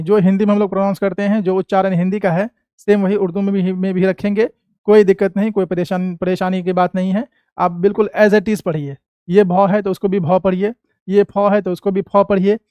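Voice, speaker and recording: A man with an Indian Hindi accent teaching an Urdu class, patiently asking questions and answering them himself, saying each sound slowly. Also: sits high, warm tone, clean tone, no room sound. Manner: patient, asks and answers his own questions. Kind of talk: classroom lesson.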